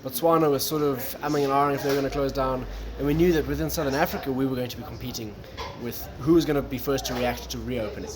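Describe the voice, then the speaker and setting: A man from Malawi, a guest talking casually about his tourism business, relaxed and saying "um" and "look" a lot. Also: mid-range voice. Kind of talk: casual interview talk. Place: coffee shop. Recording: noisy coffee shop background.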